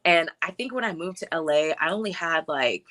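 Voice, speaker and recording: Bright-voiced woman, reflective talk show guest. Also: low-pitched, animated, fairly quick. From born in Hawaii, grew up in Texas. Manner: reflective, laughs easily, many filler words. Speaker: filmmaker guest. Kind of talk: casual talk show interview.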